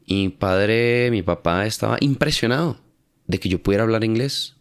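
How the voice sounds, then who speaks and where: A man's voice: fairly low pitch, moderate pace, no echo, clean studio sound. A young Colombian man explaining casually in a rambling, self-correcting monologue with frequent tag questions. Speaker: language-learning YouTuber.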